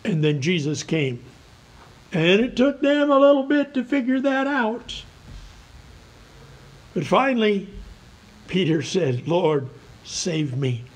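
Slow, high-voiced man preaching. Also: sing-song, poor audio. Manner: slow, earnest preaching with scripture reading. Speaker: pastor. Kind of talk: sermon.

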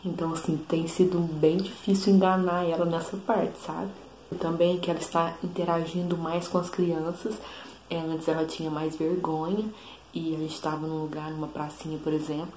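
A woman's voice: flat delivery, normal speed, a little mellow. A young woman with a Brazilian Portuguese accent, chatting casually to camera as a mother vlogger, often asking "sabe?". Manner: chatty, says "sabe?" often, quotes her toddler in a higher voice. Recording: echoey room with faint background noise.

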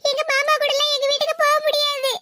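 Woman doing a tearful pleading young woman, very high. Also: completely flat delivery, fast, sharp tone, no echo. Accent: Tirunelveli Tamil. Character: frightened young woman pleading with her uncle.

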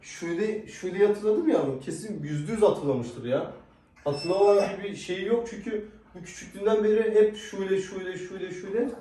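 A man's voice: high-pitched, normal speed, dark tone, recorded from a distance. Man coaxing his dogs, off-mic and echoey. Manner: coaxing, affectionate commands to dogs. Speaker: vlogger with pet dogs. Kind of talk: casual vlog talk to dogs and viewers. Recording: echoey, off-mic, noisy background.

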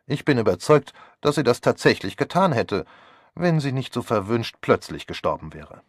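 A man's voice: medium pitch, big pitch swings, normal speed, no echo, clean studio sound. A man reading an audiobook voices a flippant young man who talks in a breezy, sardonic way. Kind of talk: audiobook character voice.

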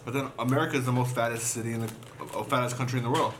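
Guy chewing while talking, mid-pitch voice, rambly mukbang chat, lil bit of room hum. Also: fairly even intonation, very fast. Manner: rambling, offhand, mouth full of food. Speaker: mukbang vlogger. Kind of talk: casual eating chat.

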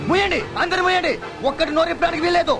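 A man's voice: very high-pitched, steady tone, rapid-fire. An actor playing a furious, domineering man in a film melodrama, harshly ranting and commanding. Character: furious, domineering bearded man casting someone out. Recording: film scene with music behind.

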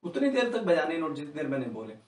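A man with a Hindi accent teaching harmonica, patiently explaining step by step and chanting the note names slowly to show how long each note lasts. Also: fairly high pitch, sing-song, a little mellow, distant mic. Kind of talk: spoken music lesson. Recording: echoey room, a little off-mic.

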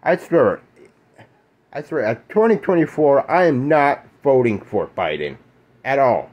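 A young man talks to his camera in a halting, stammering way, slowly and with a lot of fillers. He sounds shaken, and his pitch swings widely, jumping high when he breaks into angry outbursts. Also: very animated, a little mellow, highs cut off. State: shaking and upset. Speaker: vlogger. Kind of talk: casual rant to camera.

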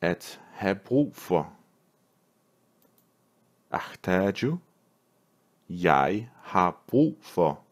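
Danish-accented male teacher, deep voice, measured repeat-after-me word drills. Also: very animated. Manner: reads each word with pauses and repeats it. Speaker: language teacher. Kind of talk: slow vocabulary drill reading.

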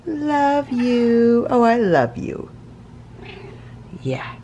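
Woman, 30s, home-kitchen cooking vlogger, relaxed slow delivery, lots of restarts. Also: on the high side, dull audio, a little hiss or hum. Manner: chatty, self-interrupting, laughs at her own slips. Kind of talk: casual meal prep vlog. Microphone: camera mic at arm's length and on the counter.

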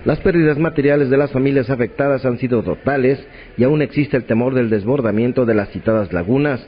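A man's voice: mid-range voice, brisk, soft background music. Dull-sounding Mexican male reporter. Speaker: news reporter. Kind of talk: scripted news report voice-over. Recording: dull lo-fi audio, faint noise.

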